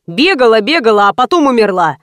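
A grumbling, short-tempered man, voiced by a woman reading aloud, muttering and cursing in a fairly high voice, recorded dry and close. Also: animated, measured pace, dry recording. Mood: irritated. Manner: grumbling, irritated. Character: irritable grumbling man, car owner.

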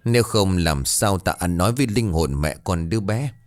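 A man's voice: sits low, animated, normal speed, no echo. A man voicing a remorseful old landlord who speaks in a choked, pleading way.

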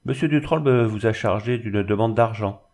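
A man's voice: on the low side, normal speed, darkish tone. A man voicing a proud, bitter young woman who speaks with cold pride.

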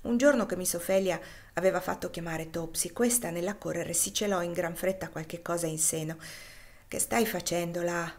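A woman reading a classic novel aloud as an audiobook, in a measured, expressive narration. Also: fairly low pitch. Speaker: reader.

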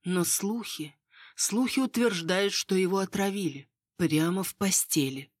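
A woman reading the part of a knowing court lady who passes on rumors in a hushed, conspiratorial, bitter way. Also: mid-range voice, measured pace, breathy edge, dry recording, studio quality, voice pushed up.

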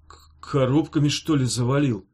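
A man's voice: mid-range voice, fairly even intonation, takes it slowly, vocal fry, a little mellow. A man reading a story voices a meek, peace-loving young man who stammers and hesitates. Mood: timid. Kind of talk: audiobook character voice.

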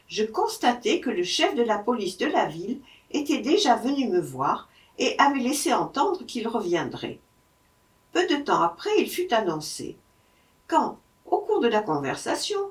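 A woman reading a first-person travel account aloud in a measured, expressive way, recorded slightly off-mic. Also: on the high side, recorded from a distance. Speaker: audiobook reader.

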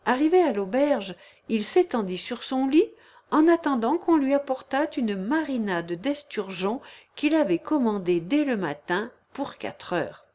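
Woman, audiobook narrator, classic novel, measured, unhurried reading, slightly high voice. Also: a little mellow.

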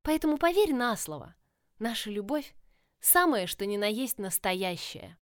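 A woman voicing an impulsive, headstrong young woman in love, speaking insistently in a raised, higher voice in an audiobook. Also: big pitch swings, unhurried, no room sound, studio quality.

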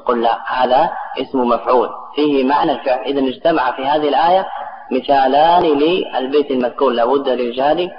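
A man's voice: medium pitch, quick pace. A man giving a classroom grammar lesson to students, explaining step by step and putting questions to the class. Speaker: grammar teacher. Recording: echoey, dull lo-fi recording with a crowd behind.

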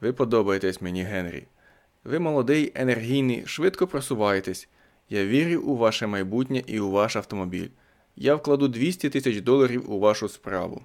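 A man's voice: medium pitch, animated, brisk, darkish tone, natural voice. A man doing a patronizing wealthy investor.

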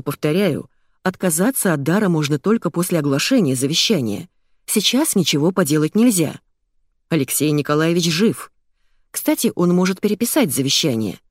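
A woman narrates a first-person audiobook in a wry, conversational way. Her pitch moves around with lively phrasing. The sound is close and dry, as from a studio mic. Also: normal speed, no echo.

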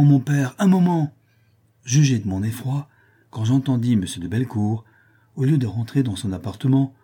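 Deep, husky male audiobook narrator. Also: mellow. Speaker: audiobook reader. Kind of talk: first-person novel narration.

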